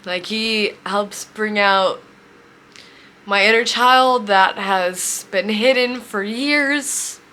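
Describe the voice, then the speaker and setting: Slow, bright-voiced young woman, tearful. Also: mid-range voice, a little hiss or hum. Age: 20s. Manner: heartfelt, tearful, halting. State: emotional, near tears. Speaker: vlogger. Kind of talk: emotional personal storytelling.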